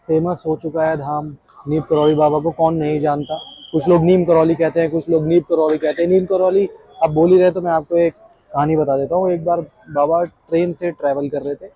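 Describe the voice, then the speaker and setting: Male travel vlogger, slightly high voice, casual joking narration outdoors on a hill walk. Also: dark tone, slightly rough, no echo, dull audio. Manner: chatty, joking, storytelling. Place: outdoors on mountain trails and by a river.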